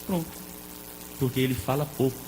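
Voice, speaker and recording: A man preaching a lively sermon as a pastor, playful and joking with the congregation. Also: mid-range voice, fairly quick. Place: church hall. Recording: echoey hall with faint noise.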